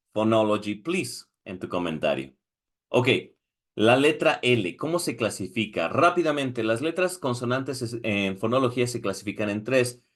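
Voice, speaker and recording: A man with a Mexican Spanish accent explains exam questions step by step. He asks the viewers questions and checks in with a frequent "ok?". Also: lowish voice. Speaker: English teacher preparing exam candidates. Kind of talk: screen-recorded lesson, switching between Spanish and English.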